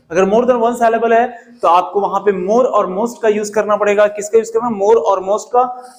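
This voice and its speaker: A young man with a Hindi accent teaches English grammar in a high, bright-pitched voice. He drills each form by saying it twice and keeps checking on his students with short questions. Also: rough recording. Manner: repeats key words, quizzes students with questions. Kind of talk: classroom grammar lesson.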